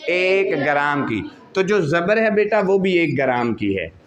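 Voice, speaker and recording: This recitation teacher speaks with a Pakistani Urdu accent, a voice on the high side, and lively intonation. Modeling sounds by drawing them out slowly, he asks questions of the class and answers them himself.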